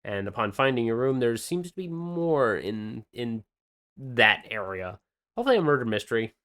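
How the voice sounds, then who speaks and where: A man co-hosts a podcast and presents game news, chatting casually and rambling with plenty of fillers and restarts. His medium-pitched voice is very animated and a bit bright, at a normal speed.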